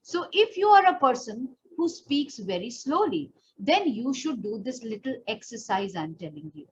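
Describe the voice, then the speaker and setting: Pitched on the high side, her sing-song voice moves at a moderate pace as she teaches a voice lesson. An Indian-accented pageant and personal development trainer, she explains and demonstrates each step straight to the learner. The recording is lo-fi and dull, with slight noise behind her.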